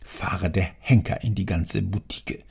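A man voicing a grumpy, tyrannical old male factory owner in an audiobook, scolding in a thundering, gravelly voice. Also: low-pitched, steady tone, unhurried, darkish tone, heavily acted. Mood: grumbling. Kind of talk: audiobook character voice.

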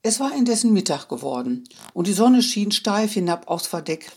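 A narrator reading classic literary prose aloud in an expressive, wistful first-person style. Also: mid-range voice, normal speed, husky. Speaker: audiobook narrator.

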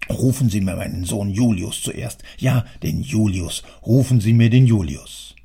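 A man voicing a gruff, domineering older male factory owner who scolds loudly and sarcastically. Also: fairly low pitch, normal speed. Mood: scolding.

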